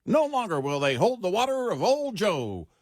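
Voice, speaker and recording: A man's voice: sits high, sing-song, moderate pace, dry recording, clean studio sound, pitched above the performer's own voice. A man putting on the voice of a male old-time newsreel announcer, proclaiming in a punchy, theatrical way. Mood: brash proclaiming.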